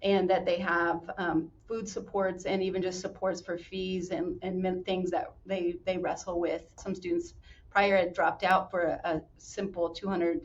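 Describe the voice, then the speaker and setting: Distant, even-voiced woman in an interview. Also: lowish voice, a little slow. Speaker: university administrator interviewee. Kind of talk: spoken interview answers. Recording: distant, dull, faintly noisy interview recording.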